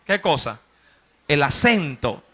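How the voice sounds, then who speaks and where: A man preaching with a coastal Ecuadorian accent, his voice sitting high and ringing hard-edged and forceful. He keeps tossing questions back at his listeners. He swings between loud emphatic peaks and low asides. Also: sing-song, slow pace. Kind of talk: sermon.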